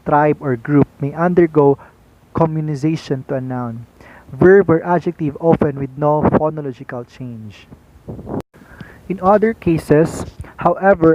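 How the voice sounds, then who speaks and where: A young man, a student reporter, reading a class lecture aloud in a careful, deliberate way. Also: a little high, darkish tone, dull audio.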